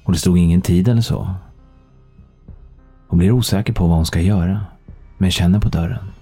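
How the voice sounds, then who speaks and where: A man narrating a thriller audiobook in a calm, measured storytelling manner. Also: low-pitched, soft background music.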